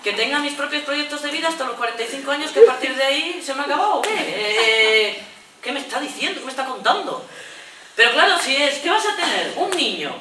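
A woman teacher giving a humorous lecture, lively and jokey, now and then acting out little voices. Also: high-pitched, fast talker, echoey room, far from the mic, a little hiss or hum, rough recording.

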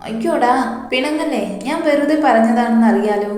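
A woman's voice: a little high, normal speed, a little mellow, natural voice. A woman voicing a mischievous, loving young wife in a romantic audio story. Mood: coaxing. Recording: heavy echo, long reverb.

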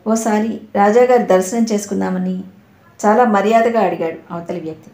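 A woman reading a suspense novel aloud as a steady storyteller, in a roomy echo. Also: mid-range voice, brisk. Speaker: audio novel narrator. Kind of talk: scripted narration.

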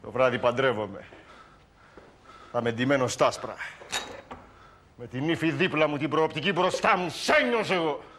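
A man's voice: a little high, long pauses, a bit bright. An actor playing a scheming young man who bullies a servant into poisoning someone, talking in a domineering, mocking and threatening way. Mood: menacing. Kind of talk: film drama acting.

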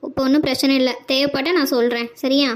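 A woman voicing a practical, caring older sister who gently scolds her brother, in a cartoon. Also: sits high, steady tone, fast talker, close to an everyday voice. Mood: motherly. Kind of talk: cartoon voice acting.

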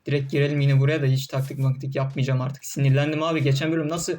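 A man's voice: medium pitch, little pitch movement, fast talker, a little mellow, slight background noise. A young man doing casual gameplay commentary, often frustrated, cursing and barking orders at his troops. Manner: frustrated, swearing, talking to game troops.

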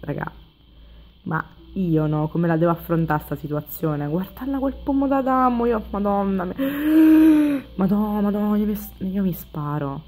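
A woman's voice: on the low side, normal speed, darkish tone, slight background noise. A young woman unboxing an album on her vlog, overexcited, squealing and near tears as she talks to her viewers. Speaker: vlogger. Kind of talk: excited unboxing video.

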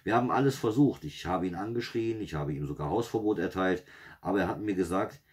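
A man's voice: sits low, brisk, darkish tone, lightly acted. A man voicing a weary, exasperated father. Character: harried father dreading his stalking uncle.

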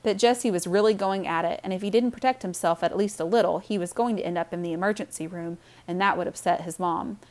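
A woman narrating a children's novel aloud in a calm, steady reading voice. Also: fairly low pitch, fast talker, few pauses. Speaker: audiobook narrator. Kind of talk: storybook narration.

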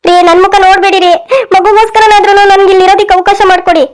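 A woman plays a wronged young pregnant wife in a cartoon, who pleads and begs in a tearful way. Her voice is very high and the words tumble out quickly. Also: level tone. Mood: pleading.

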